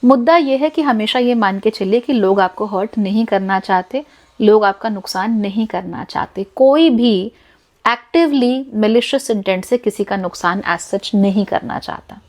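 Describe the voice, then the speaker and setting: A woman's voice: medium pitch, measured pace, darkish tone. A woman with an Indian accent giving direct advice to camera, firm and instructive, repeating her key points. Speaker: life advice host.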